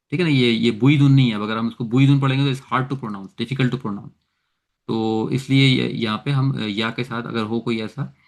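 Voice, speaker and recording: This male teacher gives an Arabic grammar class online in Urdu, hesitating often, filling gaps with sounds, and frequently borrowing English terms. He has a creaky, mid-range voice.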